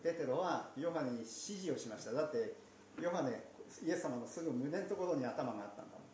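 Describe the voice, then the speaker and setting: A man teaching from the Bible in a conversational way, slipping in playful asides and soft laughs. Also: on the high side, animated, fast talker. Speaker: pastor. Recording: roomy echo, faint background noise.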